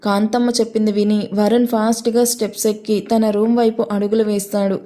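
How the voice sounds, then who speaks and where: A woman narrating a serialized romance story in a steady, expressive reading. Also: mid-range voice, a little fast.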